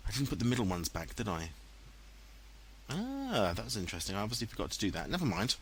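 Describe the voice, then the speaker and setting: There's a little hiss or hum behind this man's lowish, very animated voice as he rattles along fast. With an English accent, he narrates his own gameplay footage in a casual, self-deprecating style, typical of a let's play commentator. The commentary was added later from a home room via headset and dubbed in post.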